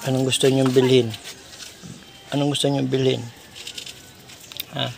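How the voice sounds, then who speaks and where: A man's voice: mid-range voice, level tone, measured pace, vocal fry, background noise. A man filming a casual vlog, coaxing children to speak with short repeated prompts. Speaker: vlogger visiting a needy family.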